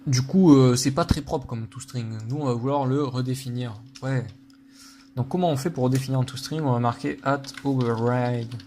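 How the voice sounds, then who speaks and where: A man's voice: mid-range voice, brisk, mellow, a little hiss or hum. A man giving a casual coding lesson while working at his computer, thinking aloud with lots of fillers and joking at his own slips. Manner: thinks aloud with many fillers, self-deprecating. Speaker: programming tutor.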